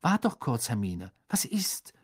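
A man's voice: mid-range voice, normal speed, vocal fry, slightly rough, no echo. Man playing a wry, sceptical schoolboy. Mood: hesitant. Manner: dry, ironic, hesitant.

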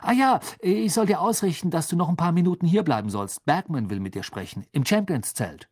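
A man voicing an upbeat young man in a hurry, speaking quickly and eagerly. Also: a little high, expressive, a little mellow, dry recording, studio quality, pitched above the performer's own voice. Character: hurried, upbeat young man, older brother.

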